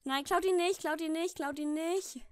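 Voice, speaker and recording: A woman's voice: very high voice, fairly even intonation, normal speed, dry recording, studio quality. A woman hosting a let's play, chatting casually over a headset and giggling at her own mistakes. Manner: giggly, self-deprecating. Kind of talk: casual gaming chat.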